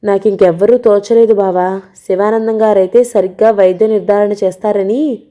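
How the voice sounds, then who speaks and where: A woman performs a sick young woman in a storybook reading, her mellow dark voice soft, slow and resigned. She pleads gently, worn down by illness. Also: mid-range voice, fairly even intonation, lightly acted. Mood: weary pleading.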